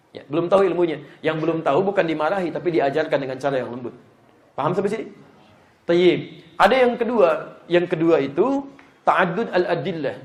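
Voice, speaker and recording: A man preaching an Islamic lecture to a live congregation, lively and joking as he speaks to the audience directly. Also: on the high side. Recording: echoey room.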